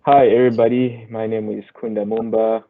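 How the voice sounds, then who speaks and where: A young man introduces himself in a low, flat voice. He speaks haltingly, with frequent fillers. His audio is thin and tinny, like a phone line. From Zambia. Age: young adult. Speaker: engineering student ambassador. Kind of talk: self-introduction on a panel.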